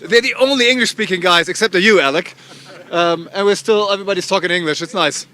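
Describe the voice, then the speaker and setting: A man's voice: high-pitched, quick pace, sharp tone. A man reporting from the water, interviewing a sailing crew in an upbeat, chatty way. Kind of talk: live sports interview.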